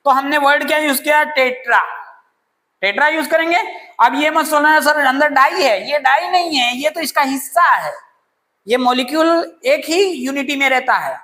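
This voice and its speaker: A woman's voice: sits high, animated, normal speed, bright, forceful tone. A woman teaching a chemistry lecture, asking questions and answering them herself, with homely examples. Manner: homely examples, playful asides. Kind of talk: classroom lecture.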